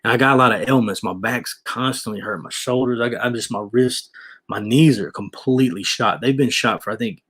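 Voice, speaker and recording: A man in his forties, a vlogger reading viewer comments, chats casually with viewers on a livestream. His medium-pitched voice is fairly quick and fairly bright with a breathy edge, and he rambles, repeats himself, and drops "man" and "you know."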